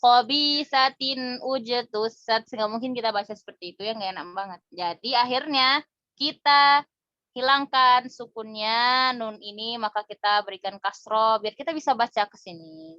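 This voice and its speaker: A woman's voice: medium pitch, bright, forceful tone, no echo. Woman teacher patiently explaining, dull phone audio. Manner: patient, explains step by step with quick asides. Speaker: Arabic reading teacher. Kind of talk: casual explanatory lesson.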